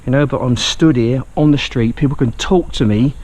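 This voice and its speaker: A man's voice: mid-range voice, moderate pace, darkish tone. A man from England talking casually in a video diary, rambling and joking about himself. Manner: chatty, self-mocking, rambling. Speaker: vlogger. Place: outdoors.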